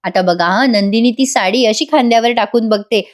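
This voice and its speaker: A woman narrates a TV serial episode as a chatty voice-over recap, talking straight to her viewers. Her voice sits a little high and friendly in manner. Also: moderate pace. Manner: chatty, addresses viewers directly. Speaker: TV serial reviewer.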